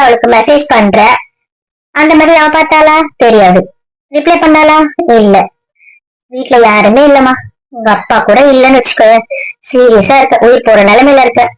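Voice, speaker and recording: A woman's voice: high-pitched, close to an everyday voice, poor audio. A woman playing a bitter, scolding mother. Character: upset middle-aged mother, sick and resentful. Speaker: mother in a family skit. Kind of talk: scripted comedy skit dialogue.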